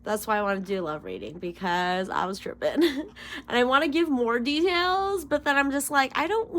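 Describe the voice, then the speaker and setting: This tarot reader in her thirties rambles to her viewers in a casual vlog chat, cursing freely and breaking into giggles. She speaks at normal speed in a high, expressive, fairly bright voice, with a little hiss or hum in the audio.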